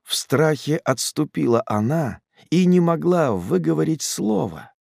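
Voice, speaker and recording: Slow gravelly male audiobook narrator. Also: fairly high pitch, big pitch swings, darkish tone, no room sound, clean studio sound. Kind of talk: scripted narration of a classic novel.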